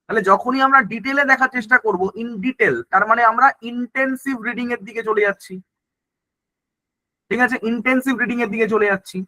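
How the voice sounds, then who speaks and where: A man's voice: very high-pitched, brisk, pushed and bright, no room sound, low-quality recording. A man teaching an exam-prep lesson. He explains in Bengali mixed with English terms and keeps checking that the class is following.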